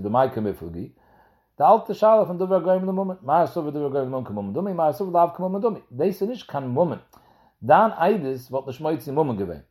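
A man's voice: medium pitch, dark tone. A man giving a Talmud lesson, explaining each step and speaking directly to the listener. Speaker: Talmud teacher.

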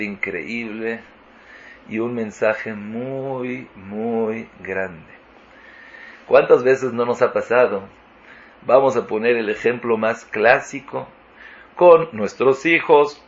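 A man teaches a Torah class in a study hall. His delivery is unhurried and middle-pitched, animated, and packed with rhetorical questions. The recording sounds muffled and lo-fi. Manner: animated, asks rhetorical questions, acts out dialogues. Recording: dull lo-fi recording.

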